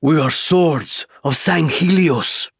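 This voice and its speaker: A man's voice: a little high, slow pace, vocal fry, breathy edge, no echo, studio quality, voice pushed up, exaggerated voice. A man voicing a hulking alien soldier who barks in heavily accented, formal English. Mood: stern. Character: angry hulking male alien soldier, stern and scolding. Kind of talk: audiobook character voice.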